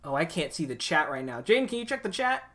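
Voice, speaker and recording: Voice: medium pitch, very animated, fast, a crowd in the background. A livestream host rambling through technical setup with lots of fillers before running an improv game. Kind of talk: casual livestream hosting.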